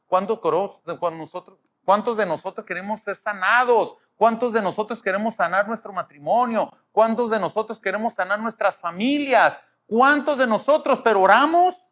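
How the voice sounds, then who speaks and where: Man, middle-aged pastor, sermon, emphatic rhetorical questions, high voice. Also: fairly bright tone. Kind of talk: sermon preaching to a congregation.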